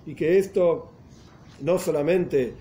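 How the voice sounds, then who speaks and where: A man's voice: a little high, slow pace, dark tone. A man teaching a religious text, explaining step by step and often rephrasing himself as he goes. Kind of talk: explanatory lesson in Spanish with Hebrew and Yiddish terms.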